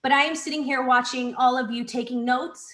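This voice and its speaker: A woman's voice: high-pitched, fairly even intonation, brisk, a bit bright, reverberant, poor audio. A woman giving an earnest, emotional public comment as a parent on a video call.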